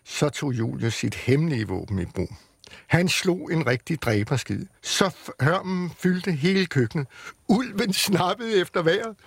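A man reads a children's book aloud on the radio, telling the story in a lively way. His fairly high voice is gravelly and husky. The studio sound is dry and close. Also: no room sound. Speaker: radio reader.

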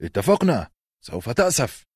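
A man's voice: mid-range voice, very animated, moderate pace, breathy edge, no room sound, voice pushed up. A brash teenage boy, voiced by a man, answers challenges with eager pride. The storybook reading is dry and close. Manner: eager, bold. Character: eager, proud fourteen-year-old boy.

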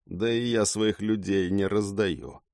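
A man voicing a calm, protective male adventurer who speaks low and clipped through his teeth. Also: takes it slowly, creaky, no echo, studio quality. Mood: steely.

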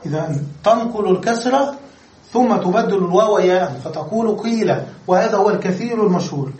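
A man's voice: sits high, lively intonation, fairly quick, a little mellow. A man teaching Arabic grammar in a classroom lecture, explaining step by step and asking the class questions. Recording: echoey room, recorded from far off.

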